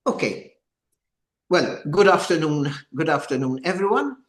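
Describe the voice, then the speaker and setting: An older man opening a training session for a group, speaking deliberately and haltingly with repeated words. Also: a little high, very animated. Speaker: former judge giving a training session. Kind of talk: informal lecture opening, addressing a group. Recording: echoey room.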